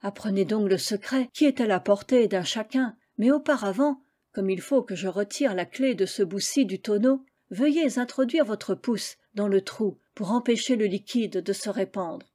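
A woman reading the lines of a smooth-talking, courteous male swindler in a storybook. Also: sits high, normal speed, mellow. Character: gallant swindling male customer.

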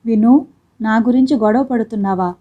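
A woman reading the part of an elderly, ailing father-in-law who speaks softly and wearily. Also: fairly high pitch, moderate pace, narrow, tinny audio, lightly acted. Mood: weary. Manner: soft, tired pleading.

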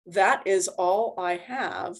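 This university lecturer speaks at a medium pitch and a slow pace during an informal slide lecture with answers. Recorded via a video call computer microphone, she is conversational and explains with everyday analogies.

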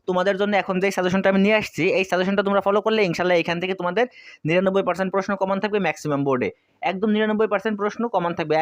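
A young man from Bangladesh tutoring exam students, firing off points quickly and answering his own questions as he repeats key facts. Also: high voice, no room sound, muffled recording. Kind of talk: fast exam-prep lesson.

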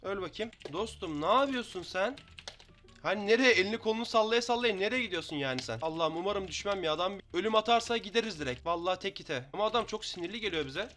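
A young man from Turkey giving excitable commentary on his own Minecraft match, taunting opponents in quick banter. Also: high-pitched, soft background music. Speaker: gaming YouTuber. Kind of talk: live Minecraft gameplay commentary.

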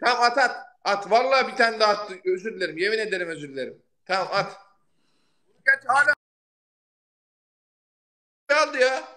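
A man hosting a casual live stream, loud and excitable, shouting thanks for gifts and swearing casually. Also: very high voice, quick pace. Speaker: livestream host.

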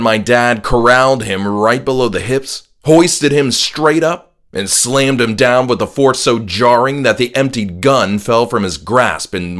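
With music in the background, a man narrates a horror story he wrote himself. His mid-range voice is slightly bright, and the reading is dramatic and clearly scripted.

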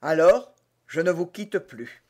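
A man's voice: fairly high pitch, expressive, slow pace. A man with a French accent voicing an eager, lovesick young swordsman in an audiobook. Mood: insistent. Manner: eager, earnest. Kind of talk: audiobook reading.

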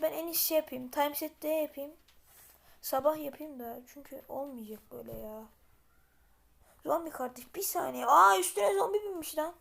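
A woman giving casual gameplay commentary, muttering to herself and then yelling in panic. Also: high voice, vocal fry. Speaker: gameplay video maker.

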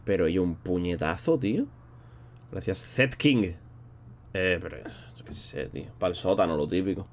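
A man's voice: deep voice, lively intonation, normal speed. A man streaming live, chatting casually and rambling in a slangy way while thanking viewers between thoughts. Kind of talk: casual livestream chat.

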